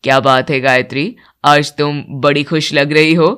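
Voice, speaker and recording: Gruff, blunt husband, low voice, done by a woman narrator. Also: steady tone, moderate pace, fairly bright tone.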